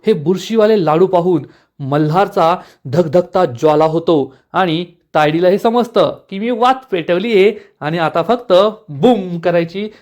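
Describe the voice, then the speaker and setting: A man's voice: high-pitched, measured pace, darkish tone. A man recapping a TV serial episode, retelling the scenes dramatically and voicing the characters' lines with raised emphasis.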